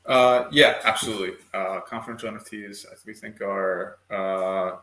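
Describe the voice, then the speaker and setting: A man's voice: fairly low pitch, fairly even intonation, moderate pace, fairly bright tone. A man speaking as a panel guest, explaining things patiently with frequent ums. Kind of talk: online panel discussion. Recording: echoey room.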